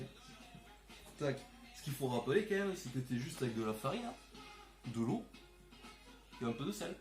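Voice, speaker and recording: Crude joking southern French man cooking. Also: mid-range voice. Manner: crude joking, constant "hein" tags, talks straight to the viewer. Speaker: home cook presenting a recipe. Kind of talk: casual cooking tutorial. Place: home kitchen. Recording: echoey kitchen with music behind.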